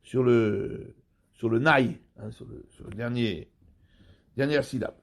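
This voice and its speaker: A man, a rabbi giving a Torah study lesson, explaining slowly and repeating and rephrasing terms. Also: mid-range voice, creaky.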